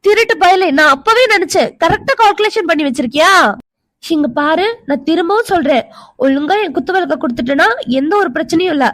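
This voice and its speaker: A woman's voice: very high voice, quick pace, fairly bright tone, dry recording, studio quality. A woman voicing a feisty young woman who accuses and argues, and whose voice can turn tearful. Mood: accusing.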